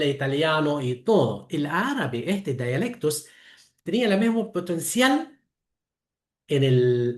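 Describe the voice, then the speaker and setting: A man with an Arabic accent, a native Arabic speaker, giving a lecture over a video call, slow and halting, correcting himself often. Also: fairly high pitch, reverberant. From Lebanon. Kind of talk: online talk, explaining.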